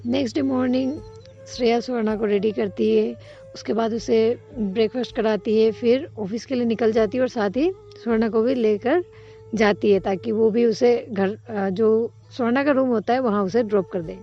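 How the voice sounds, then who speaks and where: A woman telling a romantic story in a gentle, unhurried way with frequent pauses. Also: fairly high pitch, fairly even intonation. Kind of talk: storytelling narration. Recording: slightly dull recording, soft music behind.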